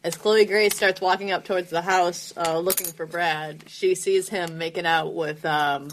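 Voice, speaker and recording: A woman's voice: fairly low pitch, steady tone, normal speed, a little hiss or hum. Hesitant woman game master. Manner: hesitant, many fillers, laughs at own narration. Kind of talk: narrating a tabletop game.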